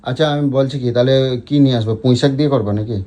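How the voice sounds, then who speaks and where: A man's voice: mid-range voice, fairly even intonation, rapid-fire, mellow. A man with a Bengali accent playing a stingy husband who pleads and makes excuses in a comedic quarrel.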